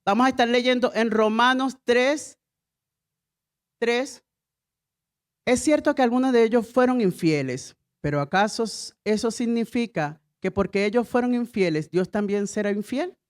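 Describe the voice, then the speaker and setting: A woman's voice: fairly high pitch, a little slow. A middle-aged woman pastor preaching a sermon with emphatic repeated refrains and call-and-response to the congregation.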